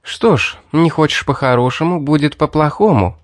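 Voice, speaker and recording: A man's voice: fairly high pitch, moderate pace, no echo, studio quality, voice pushed up, natural voice. A man voicing a scheming young woman from a fantasy audiobook who coaxes, mocks and threatens. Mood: threatening. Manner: mocking, coaxing and threatening. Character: scheming young woman, sweetly coaxing and cold.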